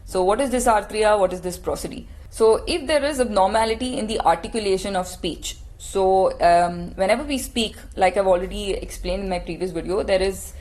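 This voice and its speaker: A woman's voice: mid-range voice, a little mellow. A woman lecturing on clinical testing, explaining step by step in a patient teaching tone and asking rhetorical questions.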